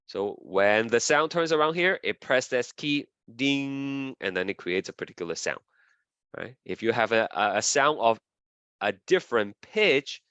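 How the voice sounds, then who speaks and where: A man's voice: mid-range voice, a bit bright, no echo, lo-fi sound. A man lecturing a class, repeating key terms as he draws and often asking "okay?" and "right?".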